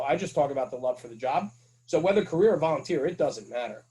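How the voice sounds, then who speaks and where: The voice here is a little mellow and on the high side, and the audio quality is poor. He's a middle-aged podcast guest, a firefighter and fire-service radio host, speaking casually but earnestly about his job and emphatically hammering home his key points more than once.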